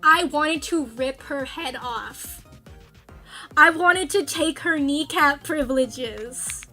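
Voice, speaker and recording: A woman streamer talks casually into a desk mic with a high, bright voice. She takes her time, rambling and mocking herself as she plays. Faint music sits behind her. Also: slow. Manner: rambling, animated, self-mocking, with sudden cries of frustration. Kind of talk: casual storytelling while gaming.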